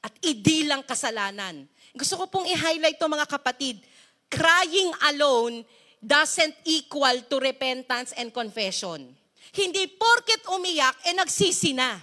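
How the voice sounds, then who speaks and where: A woman pastor delivers an animated sermon in a high, bright voice. She leans hard on key words and turns often to her listeners with direct questions. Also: unhurried. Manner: emphatic, animated preaching with dramatized quotes.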